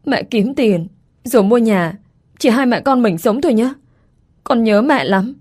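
A woman voices a pleading, tearful eight-year-old girl, pitching above her own natural voice to a fairly high level. She speaks at normal speed, and the voice sounds natural.

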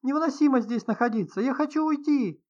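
A man's voice: high voice, moderate pace, fairly bright tone, voice pushed up. A man doing a stammering, hysterical woman writer. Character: nervous panicky woman writer, middle-aged. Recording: slightly dull lo-fi sound.

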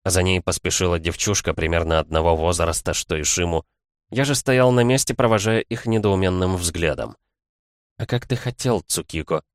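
A man narrating a first-person audiobook in a measured storytelling manner. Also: low voice, dry recording, clean studio sound.

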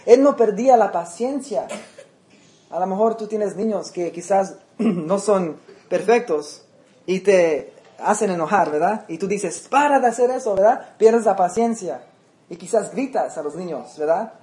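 A male pastor with a high, mellow voice preaches at a slightly slow pace, keeping his sermon conversational. He often checks in with the congregation and mixes English words into his Spanish.

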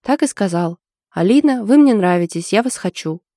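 An anxious young woman in love, confiding her trouble in a hesitant way, as a woman reads her part. The voice is mellow and dark. It sounds dry and close. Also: mid-range voice, lively intonation, normal speed, no room sound, lightly acted.

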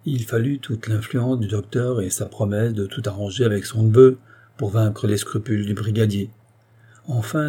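A man reading a classic story aloud as an audiobook narrator, in a measured storytelling manner. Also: lowish voice, mellow, husky. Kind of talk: scripted narration.

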